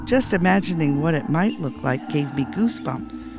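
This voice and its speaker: Man voicing sweet Minnie Mouse, lightly pitched. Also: lively intonation, moderate pace, creaky, over music. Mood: uneasy. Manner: earnest, reassuring. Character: sweet, gentle young female cartoon mouse.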